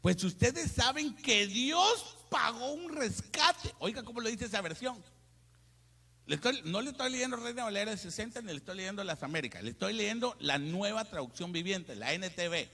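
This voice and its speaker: Animated pastor with a husky voice, booming in a reverberant church. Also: male voice, fairly quick. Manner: animated, joking, addresses listeners as brother. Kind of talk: lively Spanish sermon with humor. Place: church hall.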